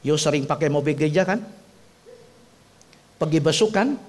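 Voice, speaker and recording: A pastor, preaching a sermon in a church. He talks to the congregation in a chatty way, asks them direct questions, and builds up to loud, emphatic peaks. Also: a little high, normal speed. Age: 70s. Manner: conversational preaching that swells to loud emphatic climaxes.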